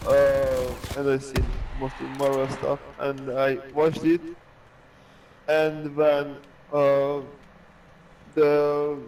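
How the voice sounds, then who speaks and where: A man's voice: a little high, a little mellow, recorded from a distance, slight background noise, poor audio. A man with a Hungarian accent, chatting casually as a podcast co-host and rambling with many restarts and fillers. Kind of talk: casual chat.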